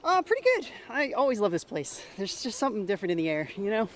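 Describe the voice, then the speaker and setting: A woman's voice: mid-range voice, sing-song, fast talker. A woman athlete chatting informally and a little hesitantly in an outdoor interview. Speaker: competing athlete. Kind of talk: casual on-course interview. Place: outdoors, walking on a fairway.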